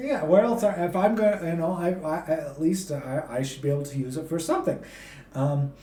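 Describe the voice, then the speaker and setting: In an echoey room with faint hiss, a man with a slightly high, dark-toned voice speaks a little fast. He co-hosts a podcast's casual movie review chat, laughing a lot and stumbling over names.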